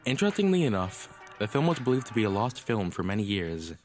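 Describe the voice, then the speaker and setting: A man giving scripted list-video narration in a measured, informative way. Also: lowish voice, sing-song, a little mellow, soft background music.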